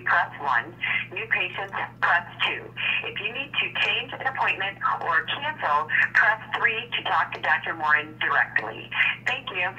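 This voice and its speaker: Bright woman's voicemail greeting over phone. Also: fairly low pitch. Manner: formal, measured, reads out options and hours. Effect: heard over a phone line. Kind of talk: scripted answering-machine message. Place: office answering system. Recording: distant phone audio with faint hiss.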